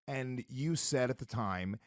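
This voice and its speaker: A man's voice: mid-range voice, a little slow, no room sound, studio quality. A man co-hosting a podcast, teasing his colleagues and explaining things with hesitant fillers. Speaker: podcast co-host. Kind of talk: casual podcast chat.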